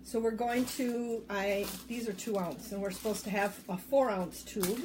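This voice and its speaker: A woman's voice: medium pitch, steady tone, moderate pace, a little mellow, a little hiss or hum. A woman co-hosting a casual kitchen demonstration, chatty and explaining as she goes, with frequent ums. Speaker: co-host of a demo show. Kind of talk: casual chat while demonstrating recipes.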